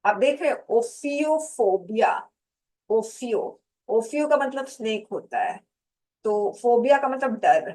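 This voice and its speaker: Slow-spoken woman teaching a lesson. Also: fairly high pitch, expressive, a little mellow, low-quality recording. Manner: slow and deliberate, spelling out and repeating terms. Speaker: English teacher for competitive exams. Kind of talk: slow classroom lecture, mixing Hindi and English.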